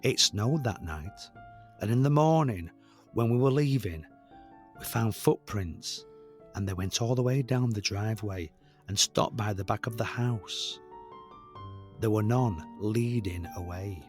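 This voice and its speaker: A man co-hosting a comedy podcast, reading out a spooky story in a low, hushed voice. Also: unhurried, faint music behind. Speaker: co-host.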